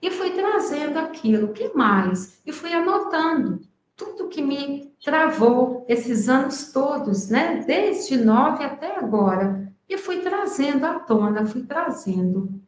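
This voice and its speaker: Woman in her fifties, slightly high voice, emotional storytelling, roomy echo. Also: expressive. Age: 50s. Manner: emotional, drawn-out retelling with many "né". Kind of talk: personal storytelling. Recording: echoey room.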